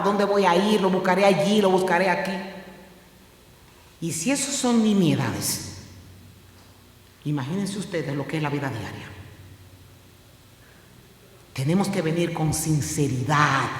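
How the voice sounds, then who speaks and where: A woman pastor, preaching a sermon with impassioned delivery that climbs from hushed to loud. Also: mid-range voice. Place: church sanctuary. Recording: very echoey, reverberant church hall.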